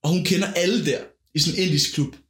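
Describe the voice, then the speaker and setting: A man's voice: high voice, a bit bright, reverberant. A man hosting a podcast, telling a long, rambling story in casual chat and often searching for words. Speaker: podcast host.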